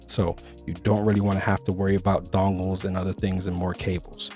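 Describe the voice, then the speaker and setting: A man's voice: deep voice, little pitch movement, fairly quick, darkish tone, soft background music. A man hosting a casual product review, chatty and explaining features step by step. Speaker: gear reviewer and host.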